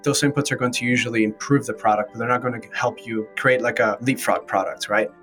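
A man's voice: medium pitch, fairly even intonation, quick pace, fairly bright tone, faint music behind. A man in his thirties from Venezuela, a startup founder speaking English as a second language, talking casually as an interview guest with many fillers and restarts. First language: Spanish.

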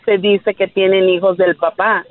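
A woman's voice: medium pitch, level tone, normal speed, no echo. Woman caller on a tinny phone line. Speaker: radio show caller. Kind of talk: casual call-in chat. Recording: thin narrow phone line.

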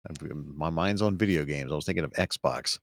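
A man co-hosting a casual podcast, easygoing and quick to laugh, sometimes losing his train of thought. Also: rumbling low, no room sound, studio quality. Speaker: podcast co-host.

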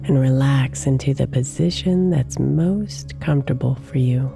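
A woman leading a guided meditation in a soft, soothing, gently drawn-out manner, as its host. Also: very deep voice, vocal fry. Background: new-age music with singing bowls.

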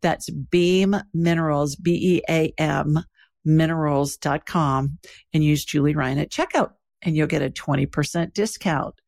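A woman's voice: deep voice, fairly even intonation, measured pace, vocal fry, darkish tone. A woman podcast host delivering a host-read ad in a plain, instructive way. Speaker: podcast host reading sponsor spot.

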